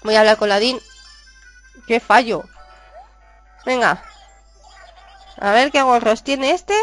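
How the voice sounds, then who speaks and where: A woman from Spain with a Spanish accent, chatting excitedly as she plays a video game and reads its dialogue aloud. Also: fairly high pitch, takes it slowly, soft background music. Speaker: gaming YouTuber. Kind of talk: casual game commentary.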